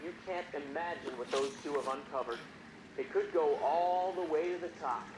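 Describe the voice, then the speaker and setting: An actor voicing a scheming male official in a video game, warning his chief in low tones. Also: moderate pace, close to an everyday voice, low-quality recording. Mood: hushed.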